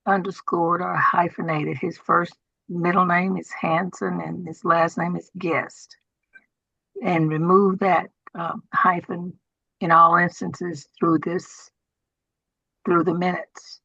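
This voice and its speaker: Gravelly, husky woman chairing a formal meeting. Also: fairly low pitch, flat delivery, bright, forceful tone, dry recording. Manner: halting, procedural. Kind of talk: formal public meeting proceedings. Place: video call. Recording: dull, lo-fi online meeting audio.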